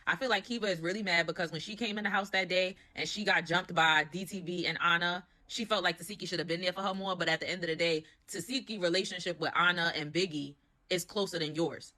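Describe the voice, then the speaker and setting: Brief: young woman, quick and bright, gossipy reality-show recapper, slangy, opinionated. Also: lowish voice.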